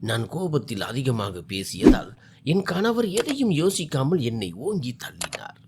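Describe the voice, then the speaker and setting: A man's voice: medium pitch, very animated, moderate pace, heavy background noise. A man narrating a first-person family drama story with an emotional, wide-swinging delivery.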